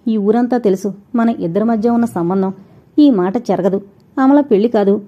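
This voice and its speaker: A woman's voice: medium pitch, moderate pace, natural voice. A woman voicing a brash, scornful young man who talks in a taunting, insistent way. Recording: dull lo-fi recording.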